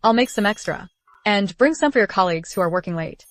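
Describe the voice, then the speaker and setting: Period drama dub: actress playing a brisk, fussing young wife who cares and gives orders, very dry recording. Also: female voice, medium pitch, expressive, no echo, close to an everyday voice. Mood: polite, warm.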